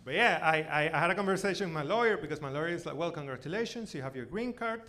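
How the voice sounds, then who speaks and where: A forty-year-old man with a Venezuelan accent and native Spanish tells stand-up stories conversationally, haltingly repeating his words. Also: a little high, animated, bright, forceful tone. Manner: halting, repeats words, punctuated with "you know" and "like". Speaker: stand-up comedian. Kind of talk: stand-up comedy, conversational storytelling. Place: comedy club stage, live performance. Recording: noisy live club recording.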